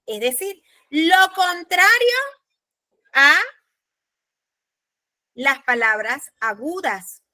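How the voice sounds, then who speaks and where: High, bright-voiced woman teaching slowly. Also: very animated, dry recording. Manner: patient, spells out examples slowly. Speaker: law course instructor. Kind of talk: lecturing on spelling rules. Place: classroom or online class.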